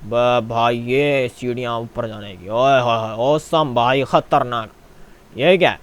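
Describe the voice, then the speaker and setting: A man streaming a role-play game, chatting casually over a headset, excitable and slangy with playful swearing. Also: mid-range voice, takes it slowly. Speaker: gaming streamer. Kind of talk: casual role-play banter while gaming.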